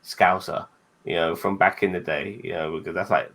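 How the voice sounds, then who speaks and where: A man hosting a casual reaction chat, enthusiastic and quick to laugh, often restarting his words. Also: low-pitched, steady tone, fairly bright tone. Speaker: host.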